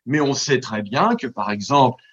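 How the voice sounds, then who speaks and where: A man's voice: mid-range voice, normal speed, breathy edge, dull audio. A man, a translator and scholar, giving a long, digressive radio interview answer with stammering restarts. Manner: digressive, stammering restarts, lively demonstrations of recited verse. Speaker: translator and scholar of ancient Greek. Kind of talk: radio interview, explaining at length.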